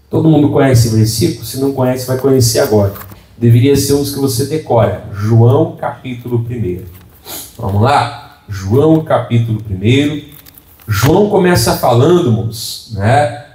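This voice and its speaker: A man's voice: medium pitch, a little mellow. A man preaching a sermon as pastor, chatty and full of "amém?" and "né?" asides. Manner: conversational preaching with frequent "amém?" and "né?" asides to the congregation. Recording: echoey room, voice from a distance.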